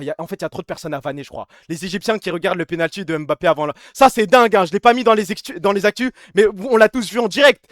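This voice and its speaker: A young man chatting on a live stream, fast and slangy with crude jokes and frequent laughs. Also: high-pitched, fairly bright tone, dry recording, clean studio sound. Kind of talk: casual live-stream chat.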